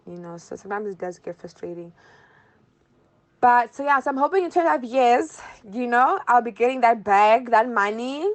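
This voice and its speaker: A bubbly young woman from Zimbabwe talks casually as an interview guest. She laughs often and circles back over her words. Her pitch sits in a middle range for a woman. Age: 20s.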